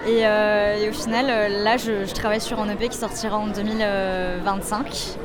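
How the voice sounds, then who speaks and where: A young musician and DJ from Sète in the south of France, appearing as a guest, answers interview questions chattily and hesitantly, using lots of fillers. Her mid-range voice is flat in delivery at a moderate pace. A noisy crowd fills the background.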